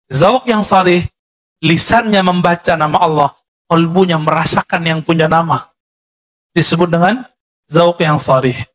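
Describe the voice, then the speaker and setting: A man with a high-pitched voice delivering a sermon with an Indonesian accent. He lectures in a conversational way and keeps turning to his listeners with short tag questions. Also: fairly bright tone. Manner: conversational lecturing, addresses listeners as Pak, frequent "ya" tags. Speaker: Islamic preacher.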